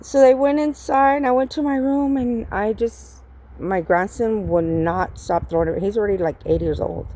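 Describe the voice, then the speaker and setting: A woman's voice: medium pitch, steady tone, normal speed, warm tone, a little hiss or hum. A middle-aged woman telling a story casually to her viewers, rambling and swearing, with many fillers. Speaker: vlogger.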